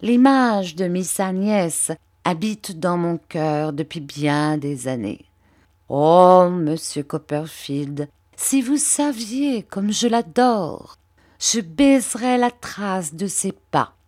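A woman voicing a fawning, falsely humble young male clerk in an audiobook, speaking slowly and unctuously. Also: on the low side, animated, a little mellow. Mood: oily. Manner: unctuous, slow, ingratiating. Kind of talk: audiobook character reading.

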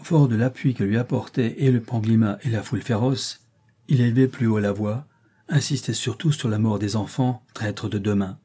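A man's voice: on the low side, normal speed, dark tone, husky. A man reading an adventure novel aloud with dramatic emphasis. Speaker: audiobook narrator.

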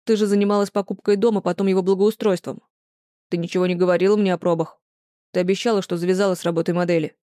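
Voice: mid-range voice, flat delivery, fast talker, warm tone, no room sound, clean studio sound, close to an everyday voice. An audiobook narrator voicing a stern, controlling young man in a romance story, curt and cold. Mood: puzzled.

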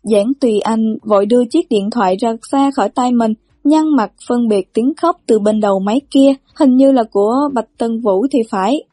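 Audiobook narrator: woman, mellow and fairly high, dry close recording. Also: normal speed, hardly any pauses, no room sound. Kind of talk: reading a novel aloud.

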